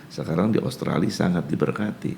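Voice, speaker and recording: An older man with a deep, creaky voice talks in a relaxed podcast conversation. He tells stories from his own life in a warm way and reads scripture slowly and carefully. A faint hiss sits under his voice. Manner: warm storytelling, often addressing the host. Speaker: pastor.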